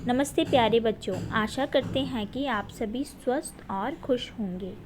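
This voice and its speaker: Woman teacher, slow and patient, slightly high voice, repeats words, faint hiss. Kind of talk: recorded Hindi grammar lesson for children.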